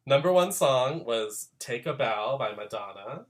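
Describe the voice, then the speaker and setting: Campy, animated male podcast host. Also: medium pitch, measured pace, faint music behind. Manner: campy, animated, laughs often. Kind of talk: casual podcast chat. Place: decorated room at home.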